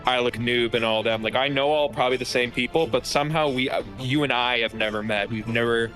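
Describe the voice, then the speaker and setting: Chill guy guesting on a stream, rambly, says like a lot, middle pitch, faint music. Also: fairly quick, fairly bright tone. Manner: rambling, laid-back, lots of "like". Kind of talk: casual chat.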